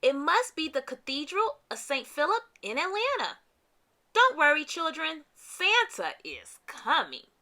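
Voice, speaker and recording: Storybook Santa, played by a woman: hearty old gent, high and bright, exclaiming and reassuring. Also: huge pitch swings, a little slow, full character voice. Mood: cheerful. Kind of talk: children's storybook character voice.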